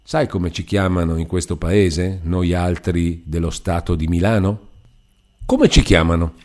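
A man voicing a warm-hearted, talkative male cousin, a foreman at a mill, in an audiobook reading. He talks in a chatty, rambling, good-natured way. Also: low-pitched, measured pace. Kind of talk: audiobook character voice.

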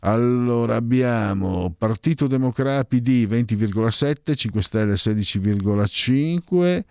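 A man casually reading out opinion poll figures in a brisk run, adding wry side remarks. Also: mid-range voice, lively intonation, a little mellow, no room sound, clean studio sound. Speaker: commentator reading out opinion polls.

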